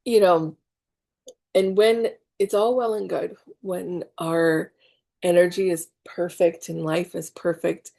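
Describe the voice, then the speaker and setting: A middle-aged woman teaching a healing class from her home, talking casually with lots of fillers and asides. Her voice sits fairly low and carries a gravelly edge. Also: fairly even intonation, slow, mellow. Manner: chatty, many fillers and asides. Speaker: spiritual healer teaching an online class.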